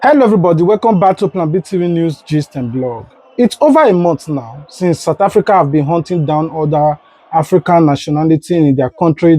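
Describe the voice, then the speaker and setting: Male vlog host, earnest explainer, dark high voice, dry sound. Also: no room sound. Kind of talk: commentary to camera.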